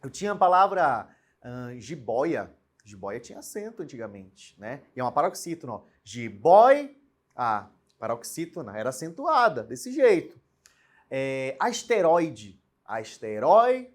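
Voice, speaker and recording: A young man teaching a recorded online grammar lesson, explaining in a lively way and often checking in with rhetorical questions. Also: mid-range voice, fairly quick.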